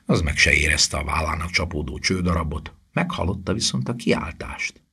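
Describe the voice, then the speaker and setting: A man reading a fantasy story aloud as narrator, building suspense and often sinking to a hushed whisper. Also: very deep voice, lively intonation, vocal fry, breathy edge. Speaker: audiobook narrator. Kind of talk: scripted narration.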